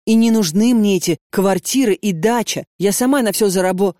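A woman's voice: mid-range voice, a little fast, mellow, dry recording, clean studio sound, voice pushed up, natural voice. A woman reading an audiobook and voicing a frightened, defiant young female student who speaks in a strained way. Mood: defensive.

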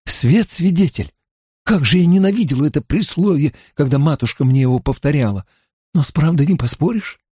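A man's voice: on the high side, animated, fairly quick, warm tone, husky, dry recording, clean studio sound, pitched above the performer's own voice. A man voicing a frustrated, outspoken young noblewoman in a nasal whisper. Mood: bitter.

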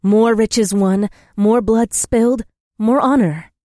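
A man's voice: high-pitched, takes it slowly, dark tone, no echo, studio quality, voice pushed up. A man voicing a young warrior princess from another world, who speaks formally and without contractions. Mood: earnest, wondering.

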